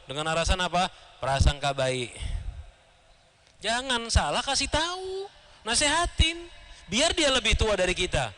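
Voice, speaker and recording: A man giving a sermon in a large mosque, telling stories lively and acting out the dialogue with chuckles. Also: a little high. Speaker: preacher.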